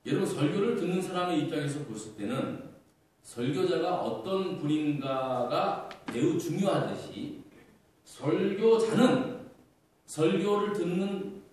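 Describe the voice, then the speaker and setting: Korean pastor guy preaching, kinda high voice, super echoey church. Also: a little mellow. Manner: earnest preaching with rhetorical questions and fillers. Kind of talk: sermon. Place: church sanctuary. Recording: echoey church hall, far from mic.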